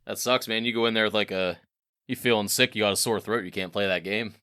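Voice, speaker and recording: A man's voice: fairly low pitch, steady tone, pushed and bright, clean tone, no room sound, clean studio sound. A man co-hosting a casual gaming podcast, making jokes and laughing often. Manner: joking, quick to laugh. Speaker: podcast co-host.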